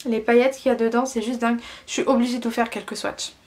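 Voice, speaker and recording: A woman's voice: on the high side, level tone, fast talker, darkish tone. A young woman from France chatting enthusiastically through a beauty unboxing, listing each product with frequent fillers. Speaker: beauty vlogger. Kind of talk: casual unboxing chat.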